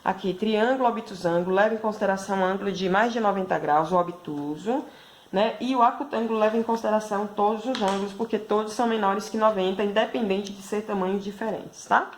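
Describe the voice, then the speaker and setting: A woman's voice: mid-range voice, steady tone, fast, slight background noise. A woman with a Brazilian Portuguese accent giving a video math lesson to schoolchildren, explaining patiently and checking in with constant tag questions. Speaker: primary school math teacher.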